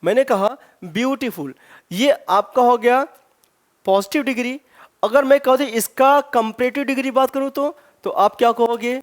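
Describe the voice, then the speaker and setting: A male English teacher with a very high voice runs an exam-prep grammar lesson. He asks lots of rhetorical questions and pronounces his example words slowly, stressing them.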